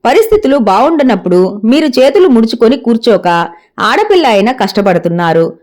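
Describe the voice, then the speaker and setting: A woman's voice: on the high side, big pitch swings, a little fast, a little mellow. A woman voicing a friendly, encouraging young man in a read-aloud story.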